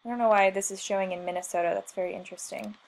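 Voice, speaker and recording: A woman leading a screen-share software tutorial as a marketing trainer, chatty and self-deprecating, thinking aloud as she clicks through. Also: medium pitch, fairly even intonation, very fast, a little hiss or hum.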